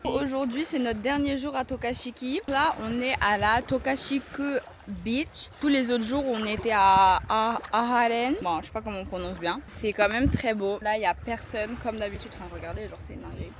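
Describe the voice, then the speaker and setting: Young woman, casual travel vlog, bright high-ish voice, playful slangy chatter, handheld camera, noisy outdoor background. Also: moderate pace, few pauses. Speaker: vlogger. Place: outdoors on a beach and in town. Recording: outdoor camera audio with clear background noise.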